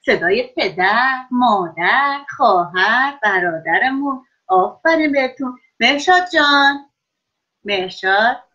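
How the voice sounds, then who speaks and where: Woman teacher, encouraging, praising pupils, high voice, dull lo-fi call audio. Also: expressive, sharp tone. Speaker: schoolteacher. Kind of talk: online class with children.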